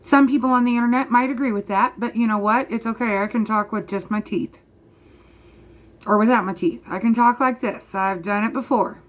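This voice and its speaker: Woman in her 30s on a heated vlog rant, keeps driving points home, kinda high voice. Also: fairly even intonation, fairly quick. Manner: emphatic, repeats points, talks straight to the viewer. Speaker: vlogger. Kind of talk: passionate direct-to-camera rant.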